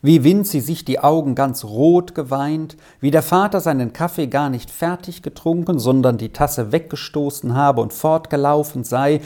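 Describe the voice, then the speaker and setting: A narrator reading a classic children's story aloud in a calm, measured way. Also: mid-range voice.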